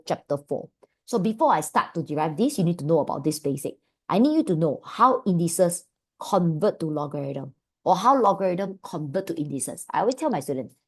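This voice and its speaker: A woman's voice: on the low side, darkish tone. A woman with a Malaysian accent teaching an informal revision lesson step by step as a maths teacher, chatty and full of rhetorical questions and tag particles.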